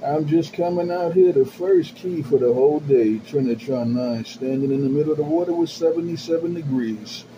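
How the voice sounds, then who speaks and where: A man's voice: on the high side, normal speed, few pauses. A man talking over a CB radio from his base station, calling out his handle with rhythmic, repetitive sign-offs. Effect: CB radio transmission. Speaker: CB radio operator. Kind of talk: CB radio chatter with repeated handle call-outs. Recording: muffled radio with static hiss.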